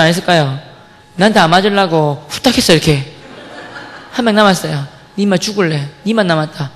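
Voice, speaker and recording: High-voiced young man testifying in a reverberant church. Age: young adult. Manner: animated storytelling, acting out quotes, asking the congregation questions. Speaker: testimony speaker at a church service. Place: church sanctuary. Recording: long hall reverb from the church.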